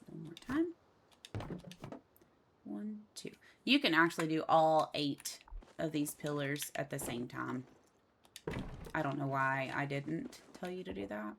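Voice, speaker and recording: A woman's voice: deep voice, lively intonation, a little slow, gravelly, long pauses, noisy background. A woman giving a casual step-by-step voice-over for a building tutorial, counting each step aloud under her breath. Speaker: game building tutorial host. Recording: loud mouse and keyboard clicks.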